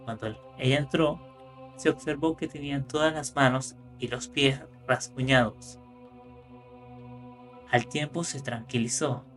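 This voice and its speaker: A man reading horror stories aloud in calm scripted narration, rising for the tense moments. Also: mid-range voice, unhurried, pauses often. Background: faint music.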